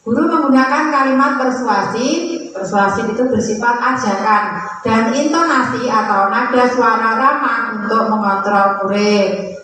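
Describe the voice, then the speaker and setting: A woman's voice: a little high, unhurried, a bit bright. A woman teacher explaining classroom roles to colleagues, sometimes acting out what a teacher would say to a pupil. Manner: explanatory, acts out scolding and friendly teacher lines. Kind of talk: presenting to fellow teachers. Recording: echoey room from far off, faint noise.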